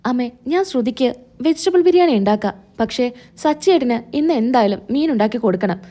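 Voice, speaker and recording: A woman voicing a gentle young wife who speaks in a soft, pleading, hurt way in a retold serial story. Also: a little high, animated, a little fast.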